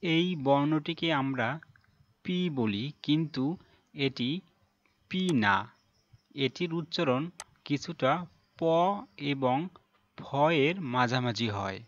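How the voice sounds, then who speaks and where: A male teacher giving a pronunciation lesson, saying each sound slowly and twice over. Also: medium pitch, a bit bright, dry recording, muffled recording.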